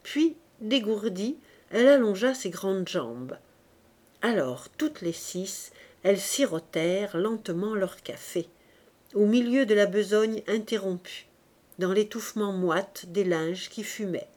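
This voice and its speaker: A woman reading a novel aloud in a measured, even narration. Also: mid-range voice. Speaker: audiobook reader.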